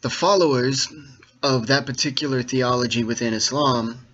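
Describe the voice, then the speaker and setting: A dull, lo-fi recording of a man with a mid-pitched voice talking straight to his viewers. He lectures informally, breaking his sentences into halting, deliberate phrases. Key words get firm stress, and he likes to make sure the point has landed. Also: steady tone, fairly bright tone. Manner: didactic, checks that listeners follow. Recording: dull, lo-fi sound.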